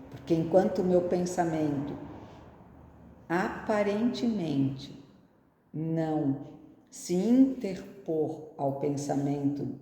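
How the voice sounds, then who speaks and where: A woman's voice: deep voice, warm tone. A woman giving a reflective spiritist talk, often asking rhetorical questions. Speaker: spiritist speaker. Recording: echoey hall.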